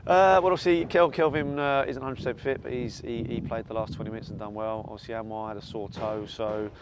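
A man, a football manager giving a post-match interview, talking quickly with lots of repeats and fillers. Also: medium pitch, steady tone, crowd noise. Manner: fast, repetitive, filler-heavy talk. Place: outdoor stadium stands at night. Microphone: lapel mic. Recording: noisy outdoor windy stadium.

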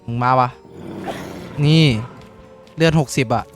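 A young man giving casual, rough-spoken commentary while playing a game, swearing a lot and yelping when startled. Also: takes it slowly, faint music behind. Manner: swears freely, shouts in sudden panic. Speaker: gaming streamer. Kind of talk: casual Minecraft let's-play commentary.

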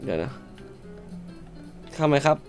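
A woman commentating a shop game, loud and exclamatory, swearing playfully at the game characters and now and then switching to a polite clerk voice. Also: measured pace, faint music behind. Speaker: gamer. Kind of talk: let's-play commentary.

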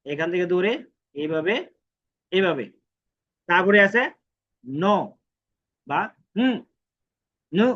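A man's voice: high-pitched, bright, forceful tone, lo-fi sound. A man teaching a writing lesson step by step, patiently repeating strokes and counting them aloud. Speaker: Japanese language teacher.

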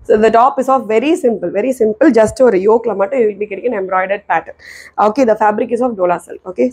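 A woman's voice: mid-range voice, darkish tone, breathy edge. A middle-aged woman with a Tamil accent presents products informally in repetitive, emphatic sales patter, mixing languages, on a lapel mic in a small room. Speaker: clothing seller presenting products. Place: small tiled indoor room. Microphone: clip-on lapel mic.

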